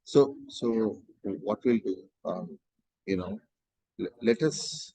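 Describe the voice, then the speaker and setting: A man's voice: lowish voice, big pitch swings, slow pace, vocal fry, warm tone, husky, dry recording, rough recording. A man in a casual work discussion, repeating and rephrasing as he reasons aloud as a trainee. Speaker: trainee in a one-to-one session.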